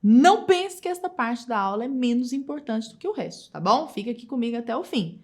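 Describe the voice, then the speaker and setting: A woman teaching a recorded grammar lesson, speaking straight to the viewer with lively emphasis and slowing down to stress her examples. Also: fairly high pitch. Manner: reads quoted examples slowly with drawn-out emphasis.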